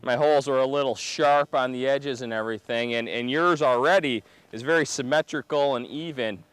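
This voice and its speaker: A man's voice: mid-range voice, a little fast, fairly bright tone, smooth. A man hosting an ice fishing show, talking casually outdoors. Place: outdoors on a frozen pond.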